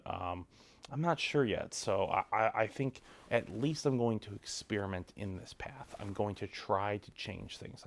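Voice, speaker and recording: A young man talking to camera in a cold home garage, giving relaxed, rambling advice with lots of ums and likes. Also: on the low side, gravelly. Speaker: vlogger. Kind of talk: casual advice talk to camera.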